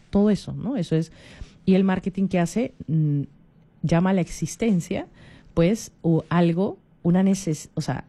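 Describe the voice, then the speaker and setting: Speaking in casual radio talk, a forties-aged woman from Peru uses a low-pitched, mellow and soft voice with a Peruvian Spanish accent. Chatty by nature, she frequently adds little tag questions and begins her phrases over.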